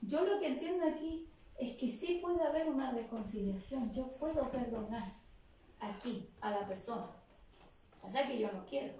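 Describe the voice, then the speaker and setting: A woman's voice: a little high, expressive, normal speed, warm tone, a little hiss or hum. A woman with a Chilean Spanish accent giving an interactive sermon at a church retreat, asking the audience questions and leading call-and-response. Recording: echoey hall picked up from far off.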